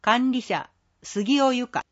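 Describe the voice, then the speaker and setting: A woman's voice: fairly high pitch, highs cut off. Woman reading a polite announcement. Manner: polite, measured formal reading. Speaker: care facility staff announcer. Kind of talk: scripted community announcement.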